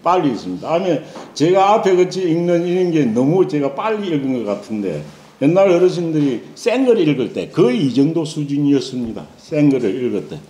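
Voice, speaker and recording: A man teaching classical texts, chanting slowly in a sing-song, then explaining with many fillers. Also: a little high, animated, dark tone. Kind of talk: chanted reading and lecture. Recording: echoey room, faint ambient hiss.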